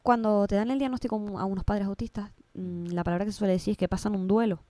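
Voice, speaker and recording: A woman's voice: medium pitch, steady tone, fast talker, dark tone, no echo. A woman with a Canary Islands Spanish accent, a guest in an interview, speaking emotionally and often restarting and repeating her words. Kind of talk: casual interview conversation.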